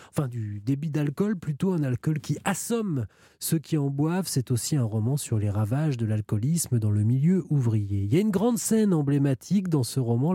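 A man hosting a radio book show who asks brisk, probing questions. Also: mid-range voice, dark tone, no room sound, studio quality. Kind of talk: radio interview.

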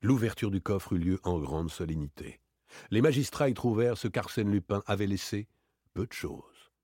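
A man reading literary narration for an audiobook in a measured, low-key way. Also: warm tone, slightly rough, no echo, studio quality. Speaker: audiobook reader.

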